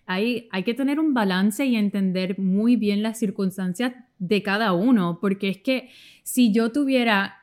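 A young adult woman, a mother hosting a podcast, reasoning calmly with her own mother. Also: mid-range voice, a little slow. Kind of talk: casual podcast conversation.

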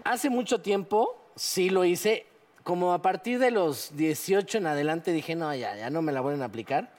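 A Mexican man speaks in a fairly high register, chatting casually among friends. He tells his stories with animation and acts out the quotes as he goes. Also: normal speed. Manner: animated, confessional storytelling with acted-out quotes. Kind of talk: casual chat.

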